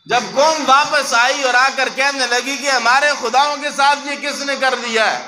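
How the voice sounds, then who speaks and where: High pitched guy giving a sermon like a story, does voices for the people he quotes, noisy background hiss. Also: measured pace. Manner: acts out quoted speakers in changed voices. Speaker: mufti preacher. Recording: clear steady background noise.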